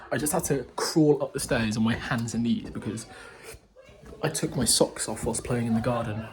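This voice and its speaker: At his grandparents' house and garden, a young man in his twenties records a casual vlog on a handheld phone, wandering in his talk and restarting sentences. His voice is mid-range at a moderate pace, and the background is noisy.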